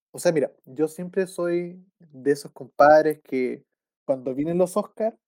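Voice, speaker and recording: A man with a Chilean accent who co-hosts a casual film podcast, rambling in a relaxed way and often ending with slang tags. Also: fairly high pitch. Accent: Chilean Spanish. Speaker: podcast co-host.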